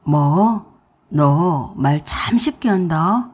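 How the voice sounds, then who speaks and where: A woman's voice: low-pitched, expressive, extremely slow, a little mellow, slightly rough, voice pushed down, full character voice. Woman doing a reproachful angry husband.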